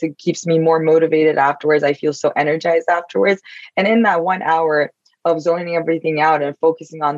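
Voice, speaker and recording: A woman's voice: low voice, no room sound, highs cut off. Thoughtful woman. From Turkey. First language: Turkish. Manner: thoughtful, searching for words. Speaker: podcast host. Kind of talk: casual podcast conversation.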